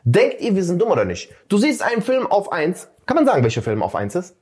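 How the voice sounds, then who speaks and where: A man's voice: high voice, wildly swooping pitch, fairly quick, darkish tone. A man co-hosting a casual podcast chat, ranting heatedly and often calling the others "Bruder". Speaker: podcast co-host.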